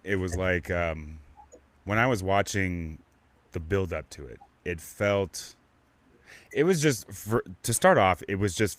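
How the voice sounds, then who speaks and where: A man's voice: low voice, a bit bright. A man hosting a casual live podcast, talking in a rambling, stop-start way with lots of restarts and fillers. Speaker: podcast host. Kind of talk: casual live-stream chat.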